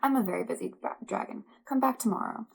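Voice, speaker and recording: A vain, boastful male dragon from a storybook, brushing off visitors in a brusque, self-important way, as a woman reads him aloud. The voice is gravelly and husky underneath. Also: fairly high pitch, fast talker, darkish tone, exaggerated voice. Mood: dismissive.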